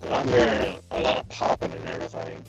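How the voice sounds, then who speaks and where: A man's voice: fairly quick, over loud music. A man in a casual online voice chat whose voice comes through robotic and metallic from a glitchy connection, with short, offhand remarks. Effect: robotic, metallic digital distortion from a bad connection. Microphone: online voice chat over weak Wi-Fi. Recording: distant, glitchy internet call audio.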